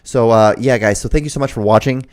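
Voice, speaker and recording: Fast-talking crude young male co-host. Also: mid-range voice, crowd noise. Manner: crude, joking, acts out phone calls in voices. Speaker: podcast co-host. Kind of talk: casual chat.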